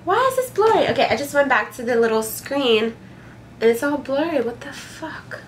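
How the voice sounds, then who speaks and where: A woman's voice: high voice, lively intonation, normal speed, slight background noise. A young woman from Ukraine, answering viewer questions in a casual vlog from her bedroom, frank and chatty with lots of fillers and some swearing. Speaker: vlogger. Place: small bedroom, indoors.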